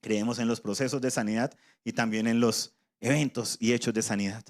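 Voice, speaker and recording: A man's voice: mid-range voice, fairly even intonation, brisk. A man preaching a sermon in a conversational way, voicing imagined objections from his listeners.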